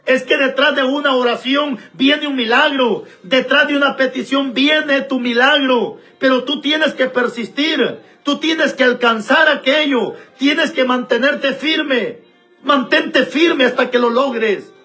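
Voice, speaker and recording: High, bright-voiced preacher. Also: male voice, a little slow, soft background music. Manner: emphatic, repetitive preaching that speaks straight to listeners. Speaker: pastor. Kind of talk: sermon.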